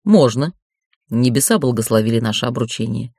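A man's voice: medium pitch, expressive, a little fast, gravelly, a little mellow, no room sound, voice pushed down. A woman reading an audiobook, voicing a young male necromancer who teases his bride in a dry, mocking way. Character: wry scheming necromancer groom, young man.

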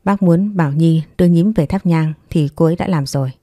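Woman voicing a calm, protective young man. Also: sits low, fairly quick, no echo, clean studio sound. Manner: even, composed.

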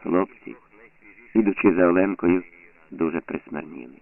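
Deep gravelly guy reading an audiobook, somber and measured, tinny phone-like sound. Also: fairly even intonation. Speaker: narrator. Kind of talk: audiobook narration.

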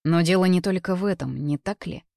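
A man's voice: high-pitched, fairly quick, vocal fry, a little mellow, no room sound, studio quality. A reader voicing a young man, a persistent and jealous suitor who pleads and turns bitter, in a read-aloud novel. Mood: hurt. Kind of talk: audiobook character reading.

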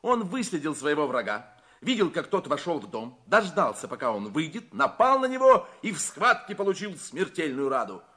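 A man's voice: fairly high pitch, very animated, normal speed, pushed and bright. A man acting a self-satisfied, skeptical police inspector in a Russian audio play, reporting in a smug, matter-of-fact way. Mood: triumphant.

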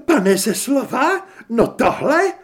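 A prim, easily flustered genteel lady from a storybook, as a male reader puts her on. Her voice sits high and flutters up and down. She speaks with fussy politeness. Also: wildly swooping pitch, a little mellow, slightly rough, full character voice. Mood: shocked. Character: fussy genteel middle-aged woman.

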